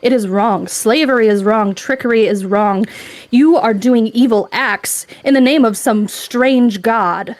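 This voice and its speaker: A woman's voice: on the high side, a little slow, darkish tone, close to an everyday voice. A woman playing a solemn, righteous female protector returned from death in a tabletop game, speaking in earnest declarations. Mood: accusing.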